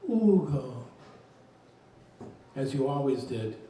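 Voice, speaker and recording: A man reading his poems aloud at a reading event, in a slow, measured voice. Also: a little high, steady tone, mellow, a little hiss or hum. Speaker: poet reading his work. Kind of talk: poetry reading. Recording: very echoey room, distant mic.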